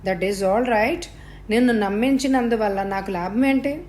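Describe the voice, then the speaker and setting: A woman's voice: fairly high pitch, unhurried, darkish tone, slight background noise, close to an everyday voice. A woman reading the part of a cool, serious young woman who speaks in a matter-of-fact way in an audio story.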